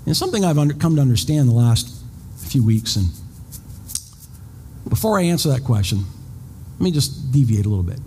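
A man's voice: mid-range voice, very animated, a little fast, long pauses, mellow. Man in his fifties preaching in a reverberant hall. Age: 50s. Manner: conversational, repeats words, self-deprecating asides. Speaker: pastor. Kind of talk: sermon. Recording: long reverb, faint background noise.

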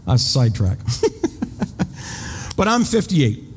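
This pastor in his 50s has a mid-range voice with huge pitch swings and an unhurried delivery. His sermon feels conversational, full of repeated words and self-deprecating asides, and the recording has long reverb and faint noise in the background.

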